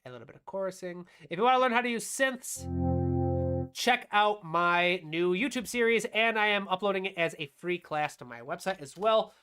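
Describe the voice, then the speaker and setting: A woman's voice: mid-range voice, animated, normal speed. A woman teaching music production on a live stream, explaining her steps aloud as she demonstrates and answering her own questions.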